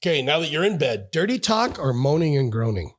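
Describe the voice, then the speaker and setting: Podcast host guy, kinda high voice, bouncy delivery, cracks jokes and laughs a lot. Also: sing-song. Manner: joking, quick-fire questions, laughs often. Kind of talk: podcast banter.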